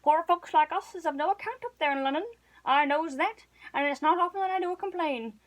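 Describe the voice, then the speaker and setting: Doleful old countryman in his seventies, rustic dialect, slow and gloomy; read by a woman with a high voice. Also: close to an everyday voice, low-quality recording. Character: doleful, pious old male villager, seventies.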